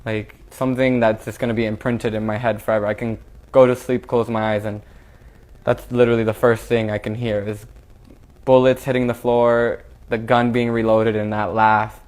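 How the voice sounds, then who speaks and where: A young man recounting a traumatic event he survived, speaking haltingly with frequent restarts. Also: on the low side. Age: young adult. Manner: halting and flat, with repeated restarts. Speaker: shooting survivor. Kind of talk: recounting a personal ordeal.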